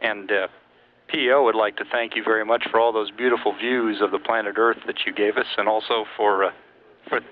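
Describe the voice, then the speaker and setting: A man working as a capcom, giving measured, procedural briefings in an astronaut radio exchange. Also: lowish voice, steady tone, narrow, tinny audio. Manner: measured, procedural, matter-of-fact. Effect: space radio link. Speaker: capcom at mission control. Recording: thin radio link, faint noise.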